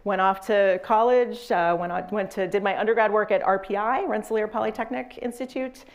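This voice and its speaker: A woman professor from Massachusetts tells her personal story in a chatty, relaxed way, with many fillers and self-corrections. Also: mid-range voice, fairly quick. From Massachusetts, USA. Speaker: professor and guest speaker. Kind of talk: casual personal storytelling in an interview.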